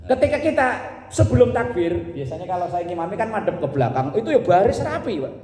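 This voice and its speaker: A middle-aged man preaching a humorous sermon in a mosque, telling jokey stories, acting out other people's lines and breaking into sudden loud bursts. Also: high voice, sing-song, fast talker. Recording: echoey mosque hall with long reverb.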